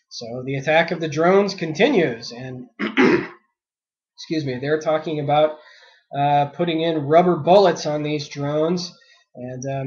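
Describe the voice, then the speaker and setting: Male news podcast host, fairly high voice, indignant and filler-heavy, slightly sick and coughing, dull lo-fi sound. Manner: indignant, reads articles aloud then rants, many uh fillers. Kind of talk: solo news commentary podcast.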